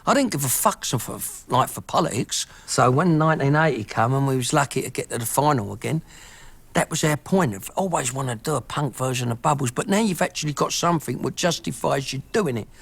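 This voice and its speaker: A man's voice: medium pitch, animated, a little fast, creaky, husky. A middle-aged Cockney man recalling his youth in a documentary interview, brash and full of swearing. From East London. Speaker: band member interviewee.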